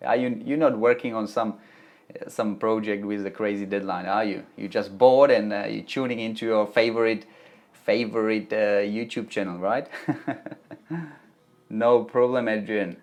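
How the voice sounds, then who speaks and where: A man with a lowish voice talks a little slowly, his Czech accent marking him as being from the Czech Republic. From a home office in Melbourne, he hosts a live stream Q&A, chatting through viewer questions about web development tutorials, reading the chat aloud and often restarting his sentences.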